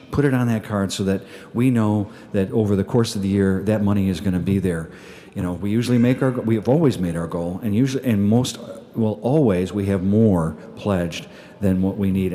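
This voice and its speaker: A male pastor speaks to his congregation at Mass in a relaxed, folksy homily. His voice sits fairly low and sounds dark and mellow. He talks in loose, conversational sentences full of "uh" and restarts. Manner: chatty, folksy, with many fillers and restarts. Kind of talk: casual homily with an appeal. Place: church at Mass.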